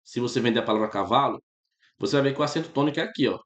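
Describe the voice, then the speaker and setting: A man with a Brazilian Portuguese accent gives a relaxed, casual grammar lesson and keeps checking in with his students. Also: medium pitch, rapid-fire, echoey room, dull audio. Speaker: teacher.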